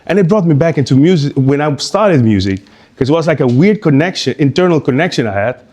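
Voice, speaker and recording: A man from Curaçao giving an informal live talk as a guest speaker at an art exhibition. He speaks in a halting, conversational way and often restarts his sentences. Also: fairly high pitch, lively intonation, a little mellow.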